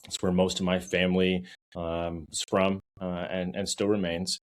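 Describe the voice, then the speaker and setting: A man's voice: sits low, level tone, moderate pace. A young man from New Hampshire, an outfitter and guide, speaking earnestly and a little ramblingly as a first-time podcast guest. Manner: earnest, rambling, self-deprecating. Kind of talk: podcast interview.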